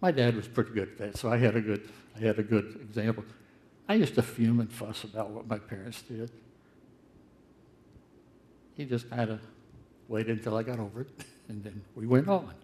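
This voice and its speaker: A man's voice: lowish voice, normal speed, long pauses. Older man preaching, earnest and conversational. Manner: conversational, earnest, swells to loud emphatic peaks. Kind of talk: sermon.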